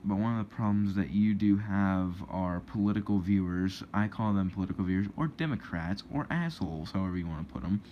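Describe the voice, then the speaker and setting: Young male vlogger, indignant rambling rant, fairly low voice, faint hiss behind. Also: a little fast, hardly any pauses. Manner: rambling and indignant, many restarts. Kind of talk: casual opinion rant to camera. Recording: dull lo-fi with faint noise.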